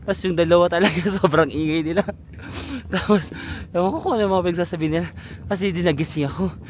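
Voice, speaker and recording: A man's voice: high-pitched, fast talker, slight background noise. A young man in his twenties from the Philippines, vlogging outdoors in a snowy city, chatty and laughing often, out of breath from the cold. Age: 20s. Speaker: travel vlogger. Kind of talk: casual vlog narration.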